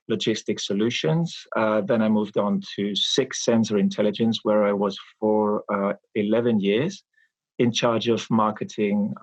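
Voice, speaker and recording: A man in his forties, from Austria, answering interview questions about his marketing work in a measured, explanatory way with frequent pauses. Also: on the low side, muffled recording. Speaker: guest, marketing expert. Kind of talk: interview conversation.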